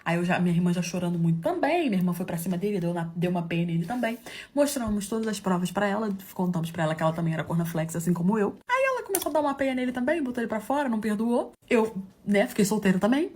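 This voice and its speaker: A woman telling a dramatic personal story in an animated, gossipy way, acting out the dialogue and calling her listeners "love.". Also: medium pitch, fast, husky.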